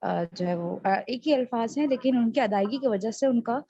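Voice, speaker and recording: A woman teacher speaking up in an online class, hesitant and pausing with fillers. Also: fairly high pitch, warm tone, husky, dry recording, dull audio. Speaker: Urdu teacher.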